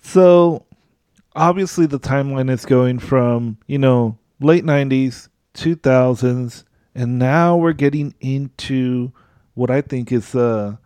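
A male podcast host chats at an unhurried, slow pace, relaxed and quick to laugh. His voice is smooth and clear. The sound is dry and close. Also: mid-range voice, no echo. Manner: relaxed, frequent backchannel and laughter. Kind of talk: casual podcast chat.

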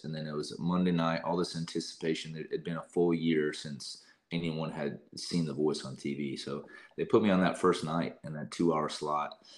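Man, young adult, deep voice, casual storytelling, quotes himself often. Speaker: singer and guest.

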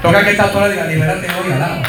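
A man preaching a fervent sermon as pastor, telling stories of congregants and building up to shouts. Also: sits high, fairly even intonation, racing, echoey room, crowd noise, rough recording. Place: church.

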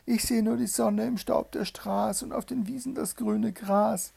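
A man doing Sister Anna, a high calling girl. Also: steady tone, measured pace, gravelly, dark tone, breathy edge, heavily acted. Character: young sister keeping watch from a tower.

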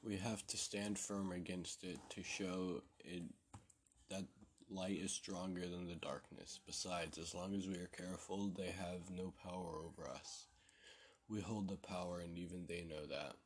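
A man voicing a mother who reassures her child in a calm, steady way in a spoken horror story. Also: deep voice, unhurried, slight background noise. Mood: firm.

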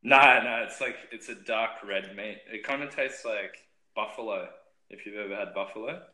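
Aussie bloke from north queensland, laid-back chat, bit low, echoey kitchen with cooking noise. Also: moderate pace, bright, forceful tone. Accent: North Queensland Australian. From Australia. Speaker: guest in a chat with a stranger. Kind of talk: casual chat.

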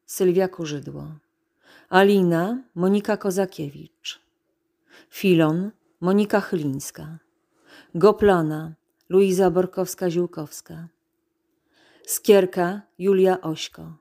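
A woman narrator reading a scene summary and cast list in a measured, announcing way. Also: fairly low pitch, creaky, warm tone.

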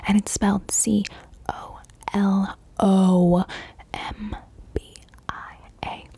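A woman in her twenties from Colombia, whispering in a casual ASMR question-and-answer session, softly repeating words over and over. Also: medium pitch, level tone, very slow, gravelly, husky. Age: 20s. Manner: casual, swears freely. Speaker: ASMR creator.

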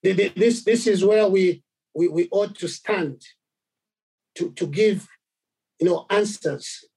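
A man from Zambia preaching a sermon, halting, with many repeated words and fillers. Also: high voice, a little mellow, husky, low-quality recording.

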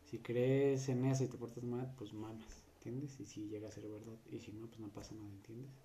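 Mellow-voiced man chatting. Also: on the low side, flat delivery, fairly quick, a little hiss or hum. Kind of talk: casual chat.

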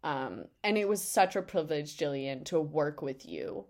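A woman co-hosting a comedy podcast, rambling through her points with plenty of fillers. Her voice sits a little low, and she keeps undercutting herself with self-mocking jokes. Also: very animated, normal speed, vocal fry, a little mellow. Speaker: podcast co-host. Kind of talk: casual comedic chat.

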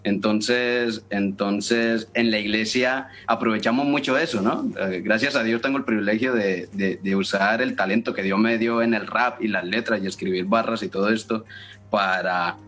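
A man with a somewhat low voice talks earnestly about rapping for his church. He speaks in a casual interview style and often pauses with fillers. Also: steady tone, fairly bright tone. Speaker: church member and rapper.

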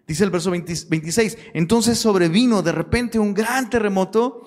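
A man with a Mexican Spanish accent preaches a relaxed Bible study, full of street slang and sudden shouted points. His voice sits a little high for a man. The sound carries a long reverb, as in a hall. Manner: lively, slangy, with sudden shouted emphasis and quick asides. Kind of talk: casual Bible-study sermon.

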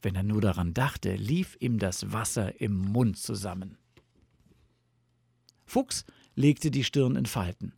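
A man reading a storybook aloud in a soft, lulling narration. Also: lowish voice, a little slow, creaky, few pauses, husky, no room sound, clean studio sound. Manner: soft, lulling with sound words.

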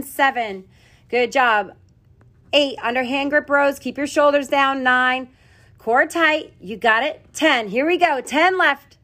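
A woman's voice: high-pitched, a bit bright. A woman leading a workout as an aerobics instructor, calling counts and form cues with commanding, encouraging short phrases. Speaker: group fitness class instructor.

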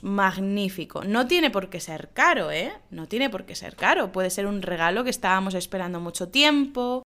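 A woman's voice: medium pitch, fairly bright tone. A woman hosting a casual podcast lesson, laughing often and acting out example phrases. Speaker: Spanish teacher, podcast host.

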